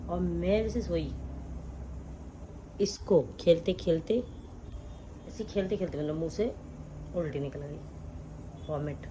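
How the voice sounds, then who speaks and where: A woman's voice: deep voice, noisy background. A young woman chatting casually to her vlog viewers at home, talking about her day and coaxing her sleepy child. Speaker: vlogger. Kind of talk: casual daily vlog chat. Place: home indoors.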